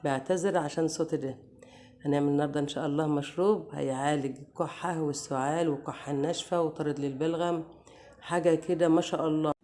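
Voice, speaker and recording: An Egyptian woman, hoarse from a cold, hosting a casual home remedy tutorial and chatting affectionately to her viewers. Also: low-pitched, fairly even intonation, quick pace, slight background noise. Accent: Egyptian Arabic. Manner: warm, chatty, addresses viewers as dear sisters. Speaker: home cooking channel host.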